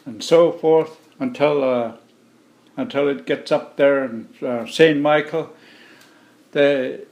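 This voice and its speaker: A middle-aged man from Alaska, a native Yupik speaker, answering interview questions in a plain, measured way. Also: fairly high pitch. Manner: slow, plain-spoken, measured. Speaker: interview guest. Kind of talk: relaxed conversational interview.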